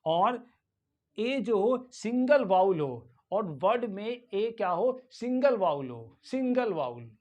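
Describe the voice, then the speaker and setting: A woman's voice: medium pitch, expressive, darkish tone, muffled recording. A woman teaching English pronunciation with an Indian accent. She spells each word letter by letter and then repeats it carefully. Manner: spells words letter by letter, then repeats them slowly and clearly. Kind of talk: pronunciation lesson, mixing Hindi and English.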